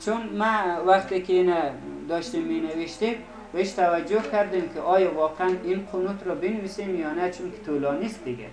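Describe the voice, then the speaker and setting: A man teaching an Arabic recitation class, speaking slowly and deliberately and repeating words to correct pronunciation. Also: high voice. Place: seminary classroom. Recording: roomy classroom echo.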